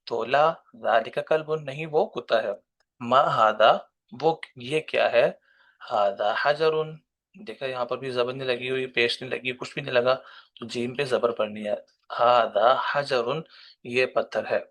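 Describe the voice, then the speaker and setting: Patient male Arabic teacher, slow drills. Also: mid-range voice, steady tone, fairly bright tone. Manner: reads Arabic words slowly, then explains them in Urdu; patient, step-by-step explaining. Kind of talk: recorded language lesson.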